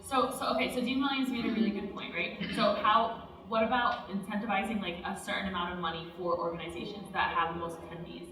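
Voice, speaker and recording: Woman, bright quick voice, persuasive, echoey room heard from afar. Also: medium pitch, steady tone, distant mic, slight background noise. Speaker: student government officer. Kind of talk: meeting discussion. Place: meeting room.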